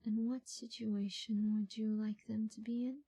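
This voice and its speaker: A woman in a soft, breathy ASMR ASMR role-play as a patient, reassuring call center agent, speaking in unhurried phrases with murmured acknowledgements. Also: fairly high pitch, level tone.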